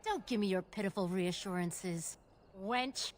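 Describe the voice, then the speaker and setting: A woman's voice: medium pitch, measured pace, dry recording, lightly acted. An actress playing a resentful young woman in a fantasy game who speaks with cutting scorn. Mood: bitter.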